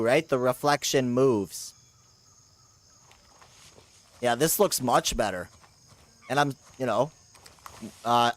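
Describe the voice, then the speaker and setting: A man streaming a shooter game live, chatting casually and rambling with slang, with sudden loud outbursts of surprise. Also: mid-range voice.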